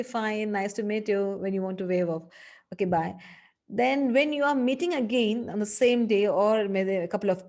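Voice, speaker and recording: A woman's voice: on the high side, darkish tone. A woman teaching a lesson as a communication coach, acting out sample phrases with changing tone. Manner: instructive, demonstrates phrases with exaggerated tone shifts. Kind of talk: spoken English lesson.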